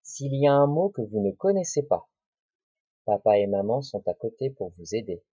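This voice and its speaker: A man teaching young children a lesson, talking slowly and deliberately and repeating words and syllables. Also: lowish voice, sing-song, warm tone, husky, no room sound. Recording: dull lo-fi recording.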